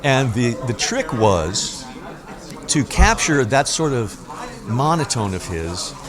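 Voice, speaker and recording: An older male actor talking casually in an interview at a convention, halting and reflective in short phrases. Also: mid-range voice, big pitch swings. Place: busy convention. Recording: busy convention crowd noise. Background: crowd chatter.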